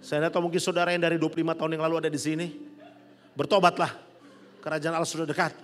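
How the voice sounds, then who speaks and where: A middle-aged man preaching a sermon as pastor, animated and rising to loud peaks. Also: fairly high pitch, rapid-fire. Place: large church hall. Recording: long church hall reverb with soft music.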